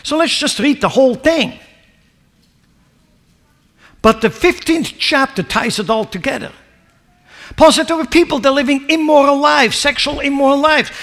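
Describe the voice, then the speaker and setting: A man preaching a sermon as pastor, emphatic and rising to near-shouts, firing rhetorical questions at the congregation. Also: very high voice, normal speed, pauses often.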